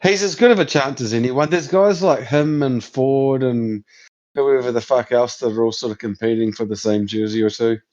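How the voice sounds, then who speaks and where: A man's voice: medium pitch, moderate pace, a little mellow, highs cut off. A man chatting casually about sport as a podcast co-host, blunt and sweary with plenty of slang.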